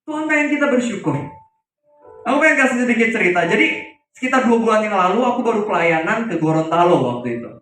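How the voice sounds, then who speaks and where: A man's voice: sits high, fast talker, distant mic. A man preaching a sermon, telling stories and asking the congregation questions. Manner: lively, asks the congregation questions. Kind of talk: youth sermon with storytelling. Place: church hall. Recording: very echoey hall, mic from afar, music.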